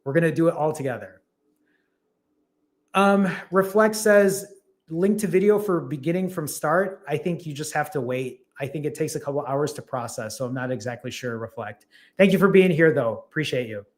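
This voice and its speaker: A man with a slightly high voice hosts a live stream as a fasting coach, answering viewers' comments. He talks straight to them in a casual, upbeat way, offering direct encouragement.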